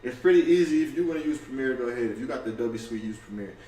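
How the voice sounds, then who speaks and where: A man's voice: medium pitch, lively intonation, mellow, distant mic, slight background noise. A man chatting loosely to his camera in a casual livestream, slangy and profane, tripping over restarts and tossing in "you feel me." He is heard from some way off in a roomy space with faint ambience behind him. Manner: fast and offhand. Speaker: content creator going live.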